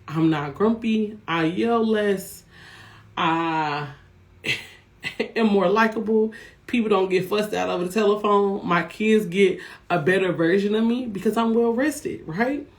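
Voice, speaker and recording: A woman's voice: mid-range voice, measured pace. A woman business coach talking casually from her office, chatty and encouraging, often checking in with her listeners. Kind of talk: casual motivational talk to viewers.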